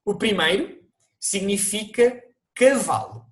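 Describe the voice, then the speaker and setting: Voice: medium pitch, lively intonation, slow pace. A teacher with a European Portuguese accent, narrating an online language lesson and explaining things to viewers, with the odd restart.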